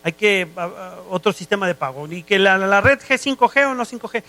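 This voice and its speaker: A man's voice: high-pitched, animated, fairly quick, sharp tone. A man with a Mexican accent preaching a sermon as a guest, who often checks whether listeners follow him.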